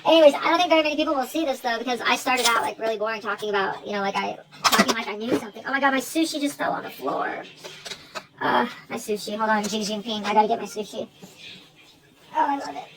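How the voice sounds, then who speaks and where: An American woman rambles through an informal, one-sided phone call for an online video, drifting between asides. Her voice is on the high side and fast, and the recording is very noisy.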